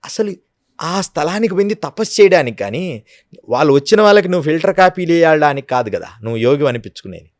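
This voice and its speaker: A man's voice: fairly high pitch, very animated, fast, no room sound, studio quality. A man, a yogi guest speaking earnestly in an interview, often acting out quotes. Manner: earnest, storytelling with acted quotes. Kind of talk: devotional interview talk.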